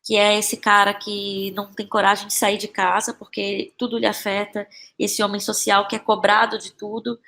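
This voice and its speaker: This Brazilian Portuguese-accented playwright and actress, appearing as a podcast guest, has a mid-pitched voice with vocal fry and a bright, forceful tone, yet her delivery is completely flat. She talks casually and reflectively, pausing to find words, repeating phrases, and frequently tacking on short tag questions.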